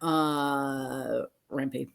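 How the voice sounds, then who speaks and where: A woman co-hosting a sports fan show, chatting casually and animatedly through rapid-fire questions, sometimes trailing off mid-thought. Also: rumbling low, fairly even intonation, vocal fry.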